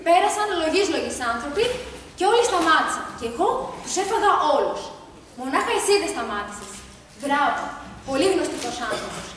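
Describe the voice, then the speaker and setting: A woman voicing an ancient, man-eating male creature in a folk tale, loud and commanding, recorded far off in an echoey hall with background noise. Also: high-pitched, sing-song. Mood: gruff.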